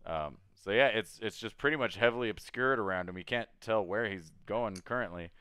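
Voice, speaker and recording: A man's voice: on the low side, brisk, sharp tone, clean tone, dry recording. A man acting as dungeon master, narrating loosely with hesitant restarts. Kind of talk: running a tabletop game over a call.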